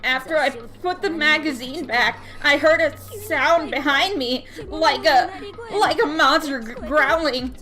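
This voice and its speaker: A woman's voice: high-pitched, measured pace, pushed and bright. A woman voicing a timid, nervous teenage girl who stammers and hesitates as she tells what she saw. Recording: game music behind.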